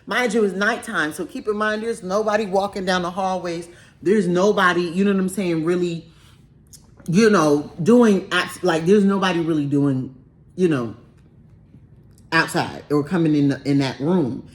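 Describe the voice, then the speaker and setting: A young adult woman telling a dramatic story in a casual vlog, animated and profane, with sudden high-pitched outbursts. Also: moderate pace. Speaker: storytime vlogger.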